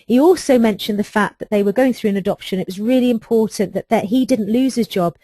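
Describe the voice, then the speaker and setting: A woman's voice: a little high, fast talker, mellow, no room sound. A middle-aged woman, an HR trainer giving a webinar, recounting a workplace case in an earnest, emphatic way. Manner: earnest, emphatic storytelling with rhetorical questions.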